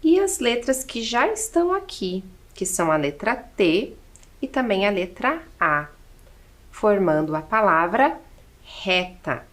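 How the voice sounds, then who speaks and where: Slow, patient woman teaching children. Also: mid-range voice, big pitch swings, a bit bright. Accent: Brazilian Portuguese. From Brazil. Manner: counts aloud deliberately, asks rhetorical questions.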